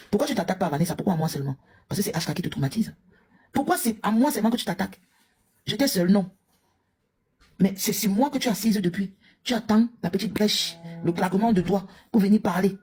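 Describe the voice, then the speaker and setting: A woman's voice: medium pitch, a little mellow, breathy edge. A woman from Cameroon, a mother and live streamer, scolding a rival in a heated, confrontational rant. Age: young adult to middle-aged, a mother.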